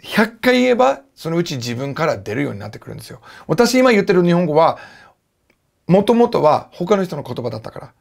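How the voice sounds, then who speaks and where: An English speaker from the United States teaches a relaxed video lesson in Japanese, his clear throughout. His voice sits a bit high for a man and swings widely in pitch, with a gravelly edge, and he explains things in an animated, lively way. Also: fairly quick.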